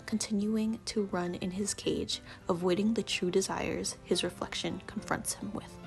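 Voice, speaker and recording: A young woman with a stuffy, congested voice from allergies, chatting earnestly through a casual book review vlog. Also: mid-range voice. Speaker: book vlogger.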